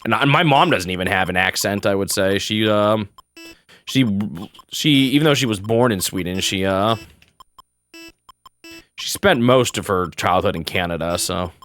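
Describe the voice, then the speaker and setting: Playing a game on stream, a young man from the US rambles in easygoing chatter, frequently laughing and starting his sentences over. He has a lowish, somewhat bright voice and keeps a moderate pace.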